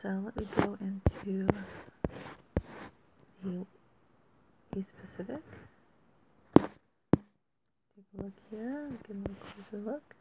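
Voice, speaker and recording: In dull lo-fi audio with faint background noise, a woman casually hosts an amateur weather report without a script. Her medium-pitched voice comes out haltingly, with pauses as she thinks aloud.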